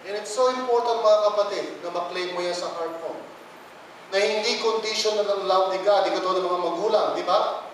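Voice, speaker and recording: A Filipino man preaching in a high, light voice, switching between English and Filipino and putting on quoted voices. He sounds far from the mic, in a big church hall with heavy echo and faint noise behind him. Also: brisk. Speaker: pastor. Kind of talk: sermon.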